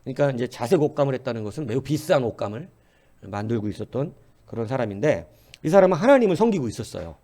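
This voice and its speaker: A man's voice: mid-range voice, big pitch swings, fast talker, dark tone. A middle-aged man teaching a church history sermon in a conversational way, often asking the congregation questions and acting out quoted voices. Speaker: pastor.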